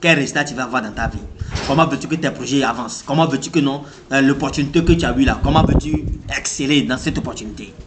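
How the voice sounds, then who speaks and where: A man with an African French accent giving an animated motivational talk, repeating himself and firing rhetorical questions at the listener. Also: medium pitch, fast, noisy background. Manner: animated, repetitive, rhetorical questions, acts out reactions. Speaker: motivational speaker.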